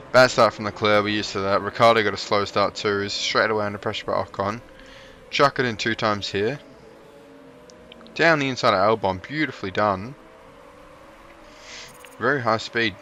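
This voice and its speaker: Chatty man with a bright, low voice. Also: slight background noise. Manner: chatty, cheers on his drivers, jokey asides. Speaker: gaming YouTuber. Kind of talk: casual gameplay commentary.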